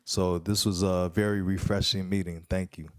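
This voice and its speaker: A man on a school board giving measured remarks of praise at a meeting. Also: low voice, flat delivery, no echo, studio quality. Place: district board meeting room.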